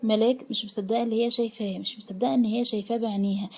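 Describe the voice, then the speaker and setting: A woman's voice: a little high, fairly even intonation, very fast, darkish tone. A woman with an Egyptian accent, retelling a romance story in a chatty, casual way with asides to her listeners. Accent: Egyptian Arabic.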